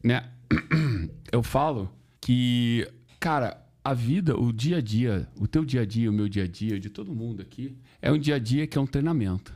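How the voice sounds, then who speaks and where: Animated, swearing podcast storyteller man. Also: mid-range voice, normal speed. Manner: acts out quoted voices. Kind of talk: casual podcast chat.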